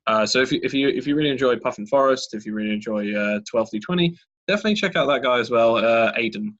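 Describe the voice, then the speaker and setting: A man's voice: medium pitch, fast talker, a bit bright, lo-fi sound. A man from the UK with a British accent, a guest on a casual podcast, who restarts his words often and laughs easily. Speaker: podcast guest, game developer.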